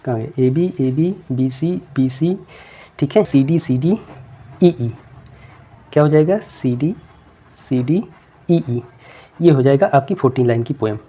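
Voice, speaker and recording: A man with a mellow, darker voice runs an exam-prep lesson on literary terms. He keeps quizzing his students and repeating every answer back to them, and he slows right down to read each English question out word by word. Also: mid-range voice, slightly rough.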